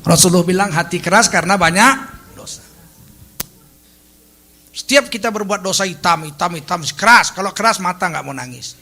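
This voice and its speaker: A male preacher with a high, bright, ringing voice delivers a lively sermon. He shifts between earnest teaching and playful humor, now and then acting out short voices. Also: moderate pace, slight background noise. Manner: animated, humorous, acts out little quoted voices. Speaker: Islamic preacher.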